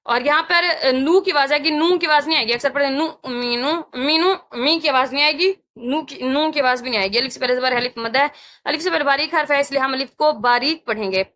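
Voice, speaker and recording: Woman tajweed teacher, high voice, repeats syllables slowly, corrects mistakes. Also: fairly bright tone. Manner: slow, deliberate demonstration of sounds, repeating syllables; instructive, correcting common mistakes. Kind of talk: Quran recitation lesson.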